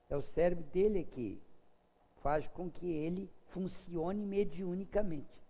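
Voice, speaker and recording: A man's voice: mellow, big-room sound. Chatty older Brazilian man lecturing. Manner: chatty, humorous, asides to the audience; acts out quoted voices in a high pitch. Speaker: spiritist lecturer. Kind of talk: informal spiritist lecture.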